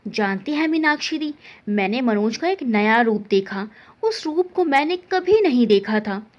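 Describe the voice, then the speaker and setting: A woman voicing a dreamy, carefree young woman in love, speaking softly and wistfully. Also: on the high side, lively intonation, measured pace, lo-fi sound.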